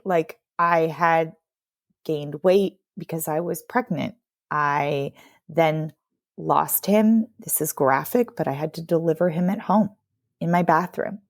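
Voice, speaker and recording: Woman in her 30s talking slow and halting on a podcast, lots of likes, dry close sound. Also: lowish voice, vocal fry, no echo. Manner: halting, reflective, many fillers. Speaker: podcast guest. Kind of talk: candid interview conversation.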